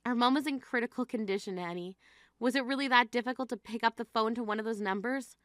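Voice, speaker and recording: A woman's voice: fairly high pitch, fast talker, a bit bright, dry recording, clean studio sound, close to an everyday voice. A woman playing an exasperated, grieving sister who scolds in an incredulous, reproachful way in a dramatized story. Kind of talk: dramatized phone-call story dialogue.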